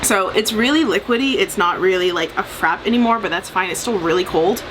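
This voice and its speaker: A woman's voice: medium pitch, fairly quick, background noise. A woman in her late twenties chatting casually and bubbly as a mukbang vlogger, with frequent giggly, informal phrasing. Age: late 20s. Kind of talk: casual chatty eating vlog.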